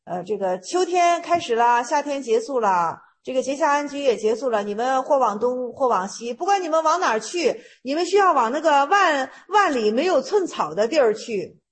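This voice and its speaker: Husky high-voiced woman explaining a koan. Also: animated, moderate pace, hardly any pauses. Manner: talks it through loosely, repeating phrases and restarting often. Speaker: Buddhist teacher explaining Zen koans. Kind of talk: informal lecture retelling and explaining a koan.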